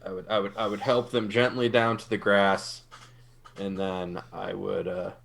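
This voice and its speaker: A man's voice: fairly low pitch, level tone, unhurried, gravelly, fairly bright tone. A man playing in a tabletop game, casually asking playful, joking questions. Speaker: player.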